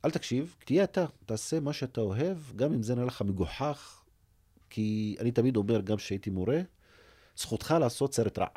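A man's voice: medium pitch, husky. A man from Umm al-Fahm, a native Arabic speaker, tells a story as a film director guest in an interview and acts out the voices in it. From Umm al-Fahm, Israel. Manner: animated storyteller who acts out quoted speech.

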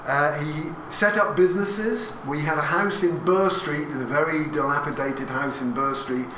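A man in his sixties from England, voice a little high and at normal speed, recounts a family story to an audience in a hall. He's conversational and anecdotal, with asides and questions. The recording is distant and echoey, with audience noise.

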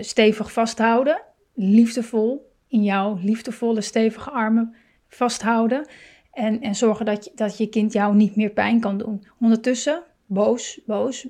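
A woman speaking gently as a parenting coach, with many fillers, restarts and soft laughs. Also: a little high. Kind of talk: calm spoken advice.

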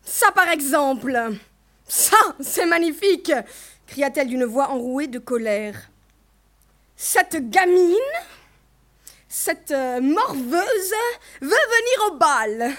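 A woman's voice: normal speed, hardly any pauses, lightly acted. A woman voicing a harsh, bad-tempered middle-aged mother who mocks and scolds her daughter in a storybook reading. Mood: furious. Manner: shrill, mocking and scolding.

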